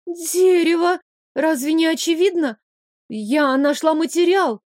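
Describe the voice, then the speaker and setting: A woman's voice: extremely high pitch, unhurried, a little mellow, no echo, studio quality, voice pushed up. A woman voicing a flustered young witch in her first year, blurting out panicky and eager exclamations.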